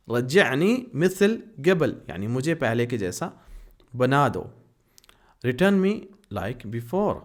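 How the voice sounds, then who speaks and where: Man, Pakistani accent, language teacher, repeats phrases slowly, quick explanations, mid pitch. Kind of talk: spoken Arabic lesson explained in Urdu.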